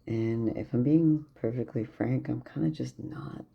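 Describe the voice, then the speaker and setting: In a laid-back video diary, a weary young man talks openly and meanders with plenty of fillers. His mid-range voice is creaky and measured, recorded in dull lo-fi audio from a camera set up near a plant.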